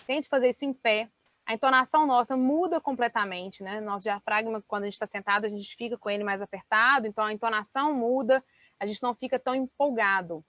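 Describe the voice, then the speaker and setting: A woman mentor giving an online sales training talk, explaining in a lively way and checking in with her listeners often. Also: sits high, dry recording. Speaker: business mentor and speaker.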